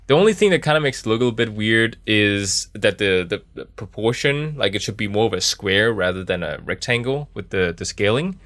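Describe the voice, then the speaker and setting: A man with a fairly low voice streams a game in a dry, close-sounding small space. He thinks aloud casually, wandering from remark to remark and joking in a laid-back way. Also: fairly bright tone, no room sound. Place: small office in a camper.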